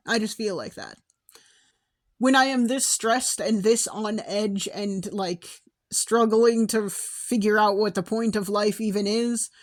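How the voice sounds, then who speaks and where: A young woman hosting her own podcast, rambling in a casual personal monologue and laughing often, her voice going hoarse. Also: medium pitch. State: losing her voice. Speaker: podcast host.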